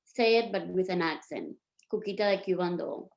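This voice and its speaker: A woman from Cuba presenting her performance art on a video call, speaking in a measured, reflective way with pauses. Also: on the low side, a little mellow. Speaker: performance artist.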